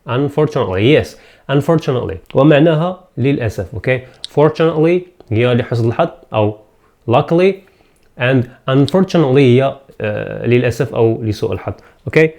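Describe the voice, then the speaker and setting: A man with an Algerian accent teaching English pronunciation, saying each word again and again slowly and switching between Arabic and English. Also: mid-range voice, a little mellow. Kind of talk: pronunciation lesson.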